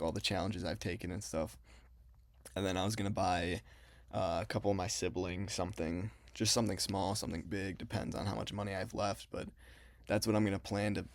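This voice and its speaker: A man's voice: low-pitched, no echo, studio quality. A young man talking casually in an explanatory vlog, his mouth numb after having a cavity filled. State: mouth numb from a dental filling. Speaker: trading vlogger.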